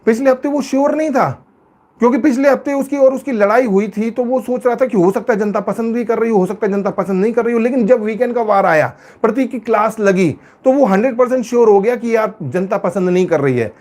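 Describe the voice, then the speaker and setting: A man with a very high voice talks through a reality show episode in a loose, casual way. He is emphatic and says his points again and again. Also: fast talker, darkish tone. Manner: emphatic, repetitive, acts out quoted lines. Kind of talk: casual spoken show review.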